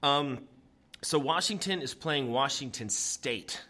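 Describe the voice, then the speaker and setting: Bright-voiced man who says w for r. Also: medium pitch, animated, slow pace. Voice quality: can't say his R's, pronounces r like w. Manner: amped up, teasing. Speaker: sports podcast host. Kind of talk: casual sports banter.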